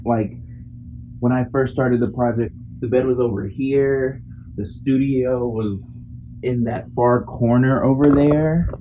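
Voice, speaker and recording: A man's voice: mid-range voice, fairly even intonation, slow pace. Sheepish young man on a tinny phone. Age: young adult. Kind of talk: casual room-tour vlog. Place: cluttered bedroom storage room. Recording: tinny phone-like sound with faint hiss.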